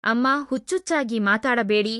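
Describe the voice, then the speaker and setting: A soft, caring young housemaid, as a woman narrator puts her on, pitched a little higher than the storyteller's own voice. She soothes and pleads gently, always coaxing. The recording is dry and close, with no room sound. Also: moderate pace, smooth, no echo. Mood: soothing.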